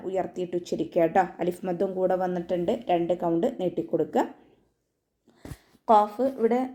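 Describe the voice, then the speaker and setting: A woman teaching Quran recitation rules in an online tajweed lesson, giving calm step-by-step instructions and often checking in with her listeners. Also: medium pitch. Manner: calm step-by-step instruction with frequent tag questions.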